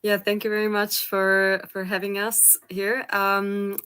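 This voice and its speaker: Young woman from Switzerland, flat even delivery, steady panel guest. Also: mid-range voice, a little slow, clear, resonant tone. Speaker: panel guest, coral restoration communicator. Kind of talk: panel discussion answer.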